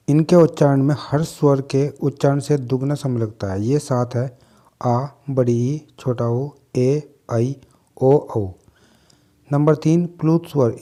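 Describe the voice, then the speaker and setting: Guy going through a grammar lesson, warm mellow voice, reads steady and lists letters one at a time. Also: on the high side. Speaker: teacher. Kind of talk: grammar lesson read from notes.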